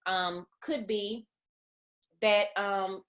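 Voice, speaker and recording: A woman's voice: mid-range voice, fairly even intonation, extremely slow, fairly bright tone. A woman with a Southern US accent coaches small business owners through an online class. She talks in a casual, conversational way and often restarts her sentences as she explains. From American South. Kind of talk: webinar teaching.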